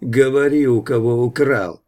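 A man voicing a menacing three-eyed alien creature that talks slowly and with scorn in an audiobook. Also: medium pitch, mellow, close to an everyday voice. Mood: scornful.

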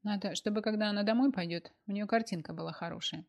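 A woman's voice: medium pitch, fast, gravelly, a little mellow, lightly acted. Woman playing a cold, scheming blackmailer. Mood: scolding. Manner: hissing, mocking, curt.

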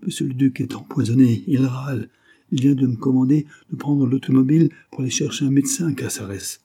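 A man's voice: medium pitch, a little fast, mellow, husky, pitched above the performer's own voice. A man voicing a frightened young valet who pleads urgently in an audiobook. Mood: urgent fear. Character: terrified young male valet, servile.

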